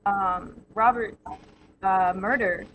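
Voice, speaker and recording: A woman speaking in character during a murder mystery game, hesitant and full of pauses. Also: medium pitch, steady tone, narrow, tinny audio, soft background music. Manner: hesitant, many ums, giggly.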